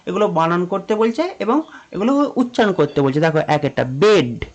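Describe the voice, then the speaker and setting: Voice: medium pitch, expressive, normal speed. A primary school teacher giving an online lesson, talking patiently and repeating words, spelling them out letter by letter.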